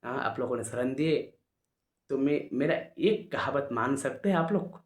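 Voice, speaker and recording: A patient old guru teaches his hosts calmly and politely, played by a male storyteller. His words echo in a roomy space. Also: mid-range voice, measured pace, lightly acted. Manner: calm, instructive.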